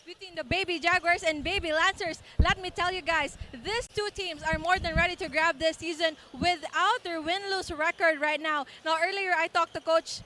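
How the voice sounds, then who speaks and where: A woman's voice: very high-pitched, fairly even intonation, normal speed, few pauses, pushed and bright. A woman working as a courtside reporter, delivering a prepared sideline report before a game. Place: courtside at a sports venue. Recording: clear background venue noise.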